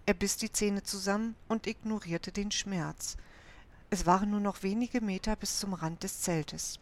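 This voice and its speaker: Eine Frau, die ruhig und gleichmäßig ein Kinderabenteuerbuch vorliest. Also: female voice, medium pitch, a little slow. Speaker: audiobook narrator. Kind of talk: scripted narration of a children's adventure book.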